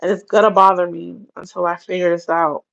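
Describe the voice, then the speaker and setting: A woman's voice: on the low side, level tone, brisk, vocal fry, fairly bright tone, highs cut off. A woman chatting casually on a livestream, rambling and often laughing as she talks. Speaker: livestream host.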